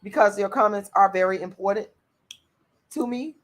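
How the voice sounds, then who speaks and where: Reacting to viewer comments on her livestream, a channel host speaks at normal speed in a raspy, mid-range voice. She's blunt and outspoken, swears freely, and repeats her points to drive them home.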